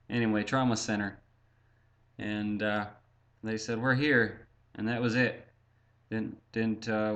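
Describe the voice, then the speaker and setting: Man, deep-ish voice, reflective personal storyteller, lots of "uh" and restarts, muffled lo-fi sound. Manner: halting and reflective, many fillers and restarts, tells his own story in third person. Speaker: storyteller recounting his own accident.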